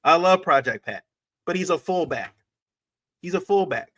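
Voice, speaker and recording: A man's voice: fairly high pitch, lively intonation, moderate pace, sharp tone. A man co-hosting a sports podcast, talking casually and emphatically, often repeating his points and restarting sentences.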